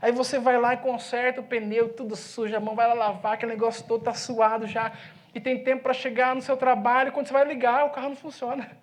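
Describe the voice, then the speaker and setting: A man with a Brazilian accent, a pastor preaching in a church, telling a story with lively swings from loud to hushed speech. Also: very high voice, fast. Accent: Brazilian Portuguese. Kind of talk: sermon storytelling. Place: church sanctuary.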